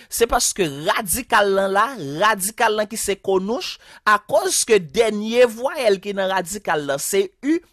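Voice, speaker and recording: A man with a Haitian accent teaching a language lesson online. He explains each rule slowly and repeats it step by step. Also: sits high, fairly bright tone, dry recording, clean studio sound. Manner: slow, repetitive, spells out each rule.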